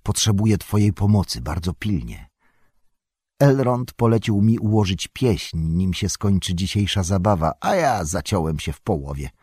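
A man's voice: deep voice, expressive, moderate pace, a little mellow, husky, no room sound, studio quality. A man voicing a fond, wistful old male hobbit in an audiobook reading. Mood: coaxing. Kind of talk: audiobook character voice.

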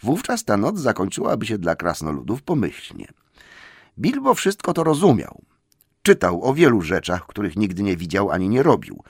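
Male audiobook narrator, low voice, animated storybook reading, dry studio sound. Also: normal speed, slightly rough, dry recording. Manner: lively, expressive reading.

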